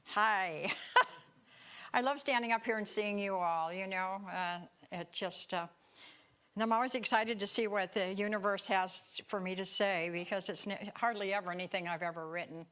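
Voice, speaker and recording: A woman's voice: medium pitch, normal speed, clear, resonant tone. Chatty woman giving a Sunday talk. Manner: chatty and animated, playful asides. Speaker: speaker at a spiritual center. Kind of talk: sermon talk.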